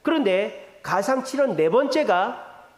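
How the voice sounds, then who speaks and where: A male pastor preaching a sermon in an animated way, putting rhetorical questions to the congregation. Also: sits high, measured pace. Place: church sanctuary. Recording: echoey church hall reverb.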